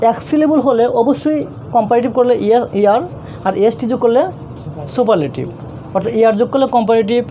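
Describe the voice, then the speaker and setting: Mellow-voiced Bangladeshi male grammar teacher. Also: very high voice, slight background noise. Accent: Bangladeshi Bengali. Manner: patient, repeats questions and answers them himself. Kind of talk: online classroom lesson.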